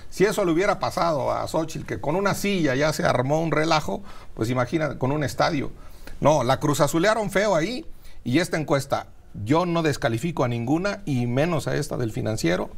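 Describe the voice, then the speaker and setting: A man's voice: a little high, gravelly. A middle-aged man with a Mexican Spanish accent, a senator speaking combatively as a guest in a TV studio interview. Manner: combative, emphatic. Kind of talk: political interview.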